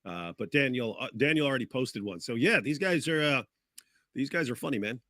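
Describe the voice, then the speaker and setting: A man talking casually as a livestream guest, telling a story at a mid pitch. He rambles and keeps restarting his sentences. The sound is close and dry. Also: animated, brisk, sharp tone, dry recording. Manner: rambling, with many restarts and fillers.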